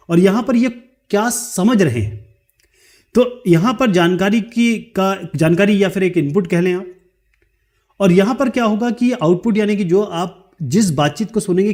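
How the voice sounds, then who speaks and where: A man's voice: sits high, a little mellow. A man teaching an explanatory lecture, checking in with frequent "right?" tag questions and mixing English terms into his explanations. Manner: spells out ideas with step-by-step everyday examples.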